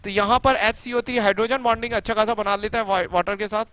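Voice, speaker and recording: A man's voice: sits high, steady tone, fast, a bit bright, clear, resonant tone. A middle-aged man from India giving a chemistry lecture, quizzing his students with rhetorical questions and repeating key points for emphasis. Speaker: chemistry teacher. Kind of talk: classroom lecture.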